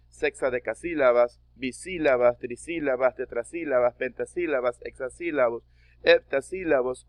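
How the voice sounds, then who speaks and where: A man teaching a recorded online class, explaining patiently and counting syllables out slowly one by one. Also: mid-range voice, no room sound.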